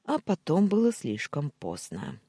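A brooding young man bent on revenge speaks grimly in a storybook reading, as the narrator puts him on. The delivery is slow and husky. The pitch moves up and down a lot. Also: wildly swooping pitch, mellow, no echo, clean studio sound, exaggerated voice.

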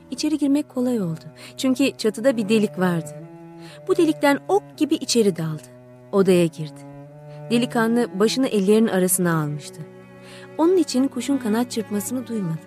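A woman narrating a fairy tale audiobook in a measured, expressive storytelling manner. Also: a little high. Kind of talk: scripted narration.

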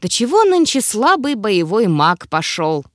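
A woman reading the part of a smug male elf curator in an audiobook, teasing and theatrical, his voice bobbing up and down with lively swings, recorded close and dry with no room sound. he toys with the people he questions. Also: medium pitch, moderate pace, no echo, close to an everyday voice. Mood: sarcastic. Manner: drawling, mocking, theatrical.

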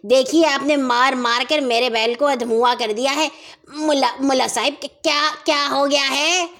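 A woman's voice: sits high, steady tone, fairly bright tone. A woman voicing a smug, shameless male neighbor in a children's story, talking sweetly and brazenly. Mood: pleading.

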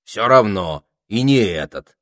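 A man's voice: on the low side, lively intonation, unhurried, a bit bright, no echo, studio quality. A man voicing a boastful, sneaky male toad spy who whines and wheedles. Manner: whiny, wheedling, cocky.

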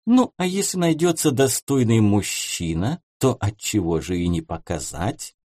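A man voicing a confident woman dressmaker who talks in a smooth, persuasive way. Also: on the low side, sing-song, measured pace, darkish tone, no echo, studio quality.

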